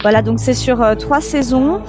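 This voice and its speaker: A woman chatting casually on a show, lively and quick to laugh. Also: fairly high pitch, over music. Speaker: guest on a show. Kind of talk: casual radio show chat.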